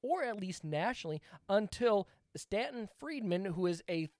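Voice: medium pitch, lively intonation, normal speed, darkish tone, no echo, clean studio sound. A podcast co-host telling a story in casual chat, rambling and swearing with laughing asides.

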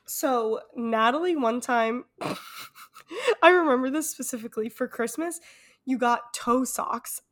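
A young woman co-hosts a podcast in a slightly high voice. She tells stories in a teasing, casual way and easily breaks into laughter. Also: unhurried, a bit bright. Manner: teasing storyteller, prone to laughing fits. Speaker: podcast co-host. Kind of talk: casual chat.

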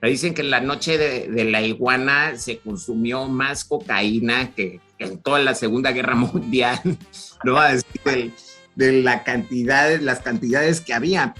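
A man with a Mexican Spanish accent talks casually about film with a mid-range voice. He rambles, with plenty of fillers and restarts, and faint music plays softly behind him. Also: medium pitch. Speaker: podcast co-host.

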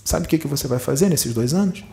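A man's voice: on the high side, lively intonation, fast, creaky, mellow. A man from Brazil with a Rio de Janeiro accent giving a channeled spiritual teaching, preaching emphatically with many rhetorical questions. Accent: Rio de Janeiro Portuguese. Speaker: spiritual medium.

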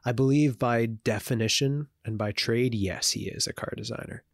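A man's voice: medium pitch, normal speed, no echo, clean studio sound. A man co-hosting a podcast in casual chat, rambling with many fillers and restarts. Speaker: podcast co-host.

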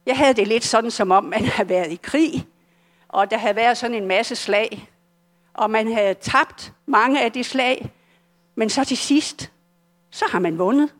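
An older woman with a Danish accent telling her personal story at a church service, earnest and halting, often restarting her sentences. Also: fairly high pitch. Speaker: church testimony speaker.

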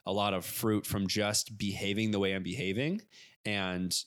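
A young man talks in an easygoing way on a podcast. His voice sits fairly low but has a bright, forceful edge, and he often agrees along with the other speaker. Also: steady tone, normal speed. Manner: laid-back, agreeable, frequent backchannels. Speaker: podcast co-host. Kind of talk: casual chat.

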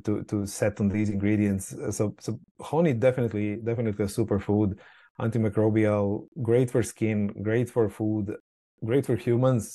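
Man from Croatia, low mellow voice, halting, repeats words, interview guest. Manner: hesitant, frequent word repeats and fillers. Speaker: skincare company founder, guest. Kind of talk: casual interview talk.

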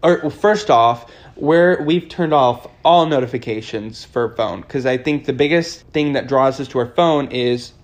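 A man's voice: medium pitch, a little slow, hardly any pauses. Rambling young man chatting casually. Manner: rambling, many restarts and quoted asides. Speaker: podcast co-host. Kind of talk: casual chat.

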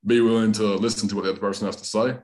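This man, a comedian from North Carolina, chats casually on a podcast as a guest, his accent a mix of Southern US and Australian. His voice sits on the low side, a little mellow, and he talks very fast with a flat delivery, laid-back and constantly saying "man" and "dude."

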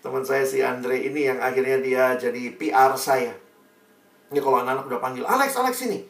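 A man's voice: medium pitch, monotone, brisk. Man preaching in an echoey room. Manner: storytelling, acts out quoted friends. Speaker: pastor. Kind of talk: sermon testimony. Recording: echoey room, distant mic.

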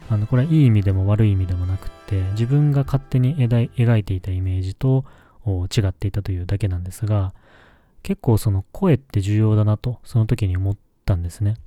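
A man's voice: fairly low pitch, a little fast, mellow, no echo, soft background music. A man hosting his own solo podcast, speaking politely and with many hesitant fillers. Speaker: podcast host.

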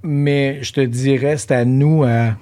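A man's voice: medium pitch, unhurried. A middle-aged man with a Québécois French accent, hosting a casual interview and acting out quotes in playful voices. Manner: animated, acts out quotes in funny voices. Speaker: podcast host.

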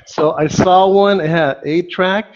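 A man hosting a podcast, laid-back, cutting in with quick affirmations and easy chatter. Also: high-pitched, fairly even intonation. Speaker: podcast host. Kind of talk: casual podcast chat. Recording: dull lo-fi audio.

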